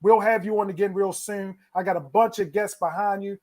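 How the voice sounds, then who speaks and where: A man's voice: high voice, steady tone, fairly quick, a little mellow. A middle-aged man hosting a virtual telethon over a video call, encouraging and repeating phrases for emphasis. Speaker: telethon host.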